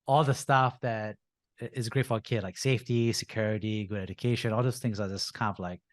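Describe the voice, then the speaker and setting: With a lowish, steady voice and a slightly fast pace, a man in his thirties from Singapore shares his story on a podcast. He's a venture capitalist, relaxed and full of "uh" and "you know," recorded in clean studio sound with no room echo.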